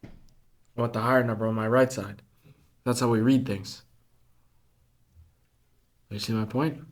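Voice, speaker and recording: A man's voice: medium pitch, fairly even intonation, a little slow. A man with a mid-range voice bantering in a playful way, dropping "bro" and "dude" as he makes a half-joking case for his point. His tone stays easygoing and chatty. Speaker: student ministry podcast co-host. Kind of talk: casual chat.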